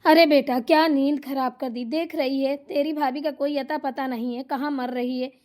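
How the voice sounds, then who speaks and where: A woman voicing a bossy, scolding older mother-in-law in a cartoon comedy, shrill and insulting. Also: steady tone, normal speed, darkish tone, natural voice. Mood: grumbling.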